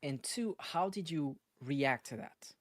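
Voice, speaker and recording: Born in North Africa and raised in France, this man is a live-show host and startup advisor running a casual interview on an online stream. His fairly high voice is expressive and slow in a dry recording, and he's enthusiastic, repeating phrases for emphasis.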